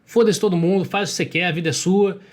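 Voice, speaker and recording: A man's voice: sits high, quick pace. A young man with a Brazilian Portuguese accent giving blunt, emphatic coaching advice straight to camera, swearing freely. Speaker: marketing coach. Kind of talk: casual talk to camera.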